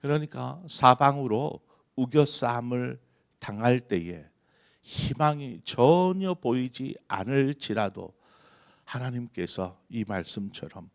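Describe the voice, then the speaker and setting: Gravelly-voiced man preaching a sermon. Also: mid-range voice, animated, takes it slowly. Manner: earnest preaching, rising emphasis on key phrases. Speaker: pastor. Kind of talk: early-morning prayer sermon.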